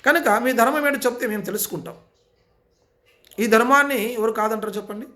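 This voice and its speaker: A man with a notably high-pitched voice delivers an impassioned sermon. He presses his points with repeated rhetorical questions and insistent appeals. His speech. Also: fairly quick, pushed and bright.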